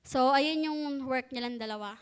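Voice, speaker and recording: A woman's voice: sits high, moderate pace, clear, resonant tone. A woman teaching at church, retelling a Bible story in a chatty way with joking asides.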